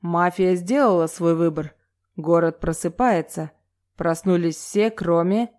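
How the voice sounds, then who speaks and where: A woman voicing a young man hosting a party game in a slow, mysterious half-whisper. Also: fairly low pitch, darkish tone, lightly acted.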